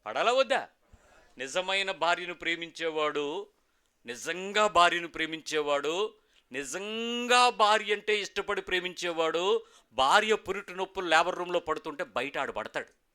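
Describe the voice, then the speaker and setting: A man's voice: sits high, expressive, normal speed, sharp tone, smooth. A man preaching a sermon as pastor, emphatic, asking rhetorical questions and prompting the congregation to repeat after him. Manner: emphatic, call-and-response with the congregation.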